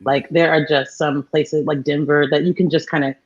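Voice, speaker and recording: A man's voice: on the high side, little pitch movement, moderate pace. A man as a podcast guest, talking casually and enthusiastically about beer tasting, full of fillers. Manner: enthusiastic, explains with many fillers like "like". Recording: dull, muffled lo-fi sound.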